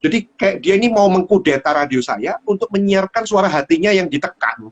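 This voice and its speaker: Male host, casual livestream chat, animated storyteller, filler-heavy. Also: high voice, brisk. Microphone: livestream phone.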